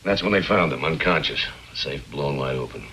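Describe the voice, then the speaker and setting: Brisk insurance boss, very deep voice, bright edge, 1950s film drama. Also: male voice, animated, a little hiss or hum, exaggerated voice, low-quality recording. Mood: urgent. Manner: brisk, businesslike. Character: brisk, urgent insurance chief on a robbery case.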